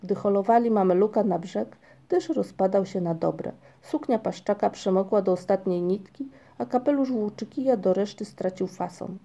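A woman reads a children's tale aloud at a measured pace. Her voice is very dark and mellow, with a gravelly fry under the words. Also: mid-range voice. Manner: measured storytelling. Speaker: audiobook narrator. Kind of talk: scripted narration.

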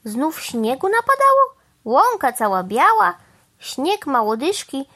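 A woman voicing a cheerful, easygoing mother cow with a gentle, sing-song way of speaking. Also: high voice, huge pitch swings, a little slow, voice pushed up, exaggerated voice.

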